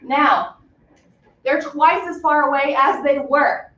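A woman teacher talks her class through a story in a chatty, casual way, full of fillers. Her voice sits a little high. The sound is muffled and echoes around the room. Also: steady tone, slow pace, pushed and bright.

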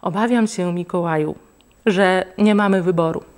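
A woman voicing a gentle, patient storybook dad, calm and even. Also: fairly low pitch, normal speed, natural voice. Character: calm, kindly father.

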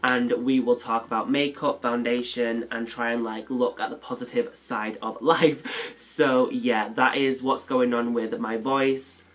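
A man's voice: medium pitch, steady tone, measured pace, a bit bright. A man with a cold and a nasal voice, chatting casually and rambling a little as a beauty vlogger. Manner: chatty, rambling, self-deprecating. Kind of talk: casual chat.

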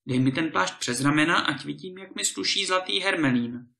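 A man voicing a bold, cheerful young hero in a storybook reading, with a lively, eager delivery. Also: on the high side, creaky, pitched above the performer's own voice. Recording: roomy echo.

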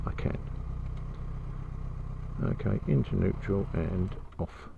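A man's voice: low-pitched, slow, gravelly. A British man chatting casually as he vlogs from a motorbike, his voice enclosed inside a helmet. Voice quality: muffled, enclosed sound from talking inside a helmet. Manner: chatty, colloquial. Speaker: motorcycle vlogger. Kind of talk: casual vlog chat while riding. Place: outdoors, riding a motorbike on country roads. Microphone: microphone inside the helmet. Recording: muffled helmet mic, loud wind and engine noise. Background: wind and vehicle noise.

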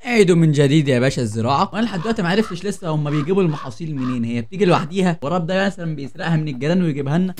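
A man's voice: on the high side, lively intonation, racing, few pauses, darkish tone, a little hiss or hum. A young man with an Egyptian accent, joking and getting startled while he plays a horror game for his viewers. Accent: Egyptian Arabic. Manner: jokey, easily startled, chatty with viewers. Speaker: gaming channel host. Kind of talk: horror game let's play commentary.

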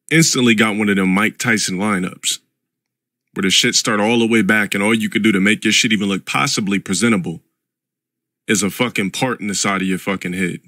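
Low-voiced, forceful male game streamer. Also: dry recording, clean studio sound. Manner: blunt, dismissive, slangy. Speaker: video game livestreamer. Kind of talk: casual livestream chat with heavy profanity.

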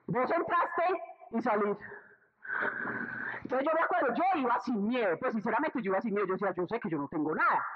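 A woman's voice: high-pitched, lo-fi sound. Colombian woman telling a testimony. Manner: storytelling, acts out her own inner voice and others' lines. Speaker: speaker at a church retreat. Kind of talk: testimonial sermon talk.

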